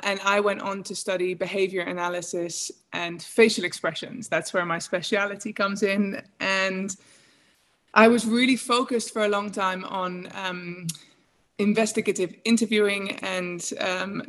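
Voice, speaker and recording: Woman in her thirties, coach on a podcast, chatty and warm-toned. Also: medium pitch. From England. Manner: chatty, laughs often, many fillers. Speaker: guest, emotional intelligence coach. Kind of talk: casual interview talk.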